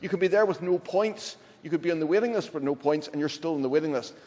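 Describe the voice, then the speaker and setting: An older man with a Northern Irish accent giving a deliberate, emphatic formal answer as a politician, repeating his points. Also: a little high, darkish tone. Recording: reverberant large hall.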